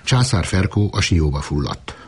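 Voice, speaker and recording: Man reading a novel aloud, deep voice, kinda husky, unhurried. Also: animated. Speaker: narrator. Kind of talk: literary audiobook narration.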